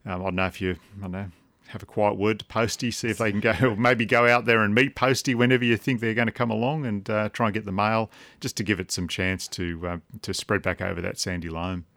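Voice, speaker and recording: A man's voice: lowish voice, a bit bright, dry recording, studio quality. An Australian man chatting casually and informally as a gardening expert on a radio call-in. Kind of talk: casual advice chat.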